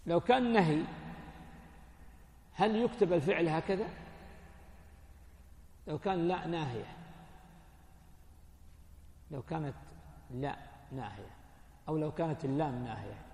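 A man's voice: fairly high pitch, a little slow, long pauses, darkish tone. A man, a sheikh, teaching a religious lesson on hadith in a casual explanatory tone, asking his students questions and answering them himself. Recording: echoey hall with long reverb.

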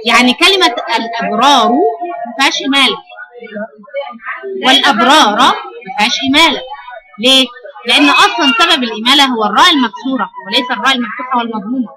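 A woman's voice: high-pitched, quick pace, long pauses. An Egyptian woman teaching a Quran recitation class, questioning her students as she explains. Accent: Egyptian Arabic.

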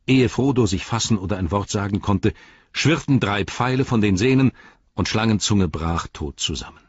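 A man narrating an audiobook in a measured, grave way, in a dry, slightly dull recording. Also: fairly low pitch, expressive, husky, no room sound.

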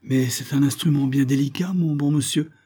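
Brief: a man playing a wheedling old miser in a storybook, mellow but pitched up. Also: fairly even intonation, normal speed, breathy edge. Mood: whining. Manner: wheedling, lamenting. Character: whining miserly old male moneylender.

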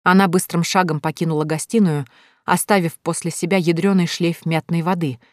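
Low-voiced woman reading a novel aloud. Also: steady tone, brisk, darkish tone, no room sound, clean studio sound. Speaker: audiobook narrator. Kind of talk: scripted narration of a novel.

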